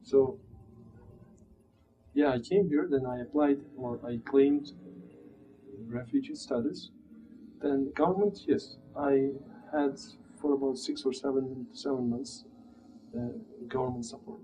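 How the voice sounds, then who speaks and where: In a plain little room, a man from Turkey in his thirties tells his immigrant story with a Turkish accent, pausing often to find the right words. His mid-range voice is steady and mellow. The audio is muffled and dull, with room noise behind him.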